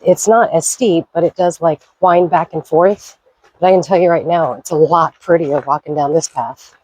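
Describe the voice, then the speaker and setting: Woman vlogger, raspy and congested from a cold, upbeat trail chatter, dry close sound. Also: sits low, moderate pace, darkish tone, no room sound, low-quality recording. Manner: chatty, upbeat, pointing things out. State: head cold, stuffy. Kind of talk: casual hiking vlog. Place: outdoors on a forest trail near a waterfall.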